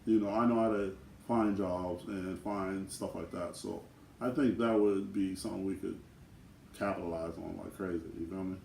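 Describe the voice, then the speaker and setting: A man with a somewhat low voice chats through a casual Q&A with his twin, loose and slangy in his phrasing. The room is echoey, with a faint hiss underneath. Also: moderate pace, vocal fry, far from the mic. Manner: relaxed, conversational, slangy. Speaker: co-host twin. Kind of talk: casual Q&A chat.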